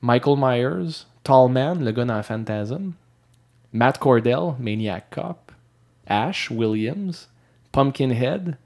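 A man's voice: medium pitch, expressive, darkish tone. A man with a Quebec French accent co-hosting a casual podcast chat, teasing his partner and rattling off game titles. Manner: teasing, lists titles fast. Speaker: podcast co-host.

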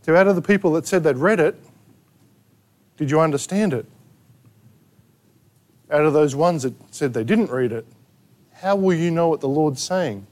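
Australian male pastor, high voice, punchy sermon delivery, fires rhetorical questions at the room. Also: expressive, moderate pace, pauses often. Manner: emphatic preaching with rhetorical questions and sharp asides. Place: church gathering in a rented hall.

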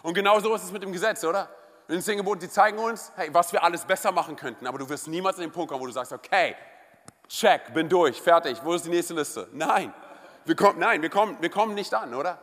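In a church service hall, a male pastor with a high voice preaches in a lively, chatty way, regularly asking the congregation "oder?" The sound has the natural reverb of a live church hall.

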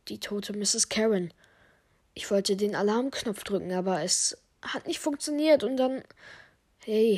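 A woman's voice: mid-range voice, a little mellow. A woman telling a first-person story, reading it aloud and dropping to a whisper at tense moments. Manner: reads along, drops to a whisper at tense moments.

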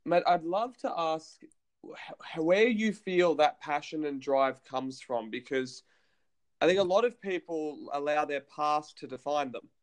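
Podcast host, slightly high voice. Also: male voice, animated, unhurried. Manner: friendly, calls guest mate. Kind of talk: interview questions.

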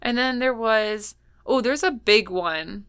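This young podcast co-host from Ohio speaks slowly in a slightly high, clear, resonant voice with a Midwestern American accent. Animated and rambling, she peppers her casual chat with plenty of "like" fillers.

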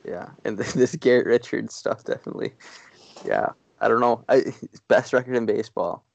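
A man co-hosting a podcast, chatting casually about sports in a rambling, self-deprecating way with halting restarts. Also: mid-range voice, gravelly, no room sound. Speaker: podcast co-host.

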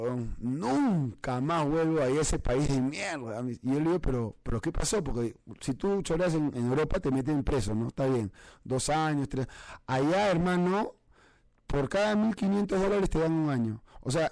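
Peruvian guy spinning a street story, slangy and animated, bit high, dry close sound. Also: no room sound, poor audio. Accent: Peruvian Spanish. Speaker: podcast host. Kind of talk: casual storytelling chat.

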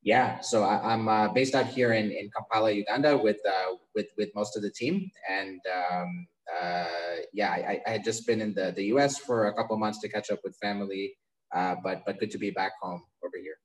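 This podcast guest, a young startup founder from the United States, describes his company in a relaxed interview over a remote call from abroad. His fairly low voice stays steady and brisk, though he often repeats himself and restarts while thinking, and the recording sounds rough.

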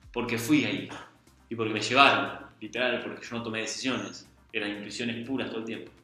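A man's voice: medium pitch, sharp tone. A young man with an Argentine accent telling a personal story in an earnest, confiding, colloquial way. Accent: Argentine Spanish. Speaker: guest. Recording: very echoey room, faint music.

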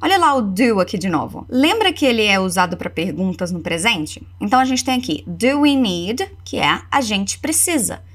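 Brazilian woman English teacher, lively pitch, slow model phrases, quick explanations. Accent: Brazilian Portuguese. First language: Portuguese. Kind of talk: language lesson with repeat-after-me drills.

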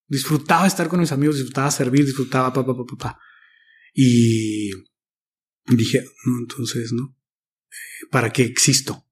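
A man's voice: medium pitch, husky. A man, reflectively recounting a personal story with casual slang as an interview guest. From Mexico. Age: 30s. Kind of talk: personal testimony in conversation.

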